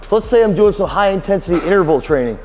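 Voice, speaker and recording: A man in his thirties, a strength coach, giving an energetic sponsored explainer on workout nutrition. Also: high-pitched, fast, in a large hall, a little hiss or hum.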